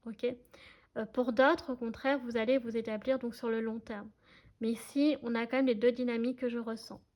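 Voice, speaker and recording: A woman's voice: a little high, a little mellow. Chatty woman giving a tarot reading. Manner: chatty, hesitant, many fillers, addresses viewers directly. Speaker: tarot card reader. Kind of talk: casual tarot reading to viewers.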